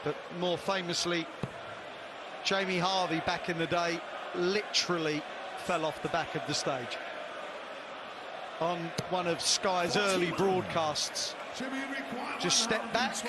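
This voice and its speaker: A man's voice: sits high, takes it slowly, long pauses. A man giving live darts commentary with conversational analysis of play. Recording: loud crowd noise behind commentary. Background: noisy darts crowd.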